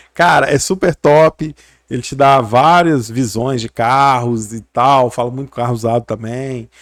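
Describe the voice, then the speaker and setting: A man's voice: mid-range voice, no echo, clean studio sound. Chatty middle-aged man. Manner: rambling, chatty, many fillers and tag questions. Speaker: physiotherapist YouTuber. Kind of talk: casual talk to camera.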